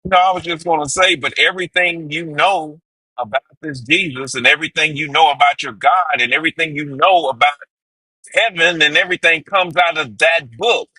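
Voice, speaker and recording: A man's voice: fairly high pitch, normal speed, sharp tone, breathy edge, no room sound, rough recording. Man on a choppy, cutting-out call line. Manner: emphatic, piles up repeated phrases. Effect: choppy audio cutting out from a bad connection. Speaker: guest on a live stream. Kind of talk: casual debate. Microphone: remote call.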